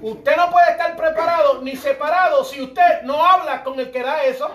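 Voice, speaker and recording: The preacher, a middle-aged man, has a very high-pitched and slightly bright voice and speaks at a normal speed. His sermon is impassioned and direct, punctuated by moments where he acts out churchgoers talking.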